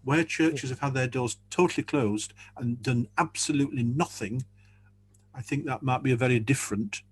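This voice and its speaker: A man's voice: medium pitch, moderate pace, a little hiss or hum. A man speaking earnestly as a church leader in a panel discussion over a video call, often repeating words as he thinks.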